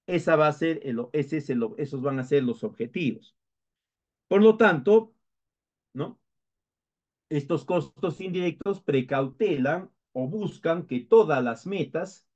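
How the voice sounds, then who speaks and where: A man's voice: mid-range voice, a little mellow. A man with a Peruvian Spanish accent teaching a lecture, explaining step by step with frequent hesitations and restarts. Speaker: instructor. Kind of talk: recorded lecture. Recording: dull lo-fi lecture recording.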